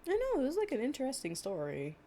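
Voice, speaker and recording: A woman with a high, mellow voice reads fables in a storytime audio roleplay, swinging widely in pitch and talking quickly. Between stories she chats playfully and informally, with slight background noise in the recording.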